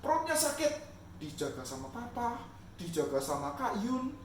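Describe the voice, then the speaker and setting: A man, a pastor and father, telling a Bible story to children at home in a lively, acted-out way. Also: extremely high pitch, normal speed, a little hiss or hum. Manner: lively, animated, acts out scenes. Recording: echoey room, mic far off.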